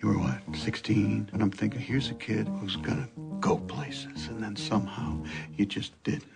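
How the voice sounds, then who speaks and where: An actor playing a weary, disappointed middle-aged male boss in a film clip, speaking softly over loud music. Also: lowish voice, normal speed, gravelly.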